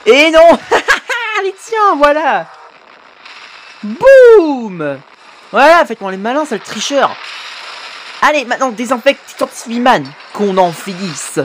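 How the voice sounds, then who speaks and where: A man hosting a casual video reaction, excitable, often swearing and exclaiming at the screen, with frequent hesitant fillers and self-corrections. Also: very high voice, slow pace, a little hiss or hum. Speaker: YouTube reaction host.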